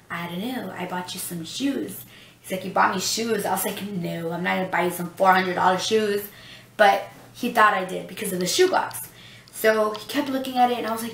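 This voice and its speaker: A woman's voice: fairly high pitch, vocal fry, a bit bright, distant mic, a little hiss or hum. A young woman telling a personal story in a casual vlog, chatty and rambling with many fillers and restarts. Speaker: vlogger. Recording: roomy echo, voice a bit off-mic.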